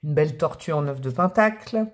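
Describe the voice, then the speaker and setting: A woman's voice: deep voice, expressive, fairly quick. A woman giving a casual tarot card reading to her viewers, chatty and affectionate, calling them pet names and gushing over the cards. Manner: enthusiastic, often exclaims over the cards. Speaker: tarot reader.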